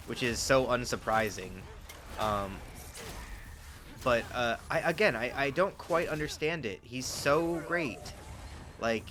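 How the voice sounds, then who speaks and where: A man's voice: medium pitch, sharp tone, a little hiss or hum. A man streaming a speedrun, giving casual, candid commentary that swears freely as he plays.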